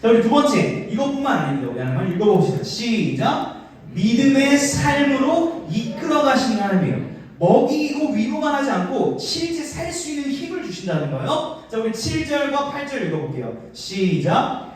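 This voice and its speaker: Animated male youth pastor in echoey hall. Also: very high-pitched, moderate pace. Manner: animated, acts out voices and leads call-and-response. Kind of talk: lively youth sermon. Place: church hall, live service. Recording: very echoey hall, mic from a distance.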